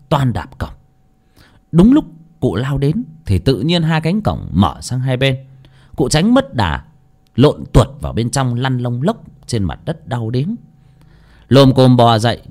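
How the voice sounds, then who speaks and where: Brief: male audiobook narrator, dramatic storytelling, mid pitch, very animated. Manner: lively, dramatic reading. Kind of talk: storytelling narration of a ghost tale.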